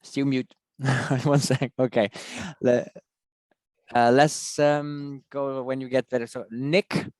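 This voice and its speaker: A man's voice: medium pitch, flat delivery, takes it slowly, darkish tone, clear, resonant tone, no room sound. Man hosting online meeting, dry close sound. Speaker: meeting host. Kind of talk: informal online presentation. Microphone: video call.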